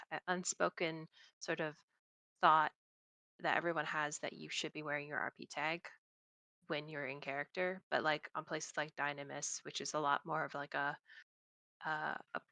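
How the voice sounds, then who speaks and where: A woman with a low, gravelly voice with a bright, sharp edge. She chats casually over a call, pausing often with fillers. The sound is dry and close. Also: flat delivery, dry recording. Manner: hesitant, many fillers. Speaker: venue greeter guest. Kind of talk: casual podcast chat.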